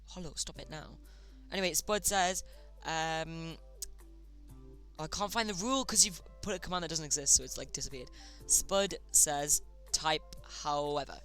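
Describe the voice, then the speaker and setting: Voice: medium pitch, fairly bright tone. A streamer casually hosting a chat game live, chatty and often tripping over words.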